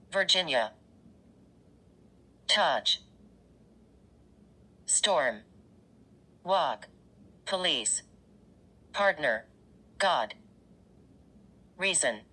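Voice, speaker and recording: A woman's voice: low-pitched, sharp tone, breathy edge. A woman's voice coming through a spirit box radio sweep, saying single isolated words from a scanning radio device. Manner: utters isolated one-word answers. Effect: spirit box radio sweep, single words between static.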